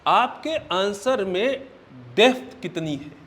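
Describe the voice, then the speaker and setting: High-voiced male teacher lecturing. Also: animated, slow pace, fairly bright tone. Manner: checks in often with "right?" and "okay?"; explains step by step, counting points aloud. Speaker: exam coaching teacher. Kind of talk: classroom lecture.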